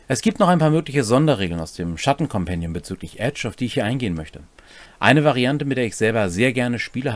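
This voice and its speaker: The recording is dry, capturing a mid-range male voice. The man, in his forties, is in a small, cluttered room at home, explaining game rules to camera in an instructive, partly scripted way while addressing viewers directly.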